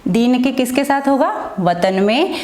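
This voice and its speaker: A woman's voice: high voice, animated, a little slow, a little mellow, reverberant. A woman teaching a Hindi lesson, asking questions and answering them herself as she goes. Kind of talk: online classroom lesson.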